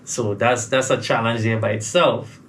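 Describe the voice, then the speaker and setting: A recording artist from Trinidad and Tobago, whose Trinidadian accent has mostly faded, answers casual interview questions hesitantly, repeating words as he starts. His mid-range voice is fairly bright with fairly even intonation at a moderate pace, over slight background noise.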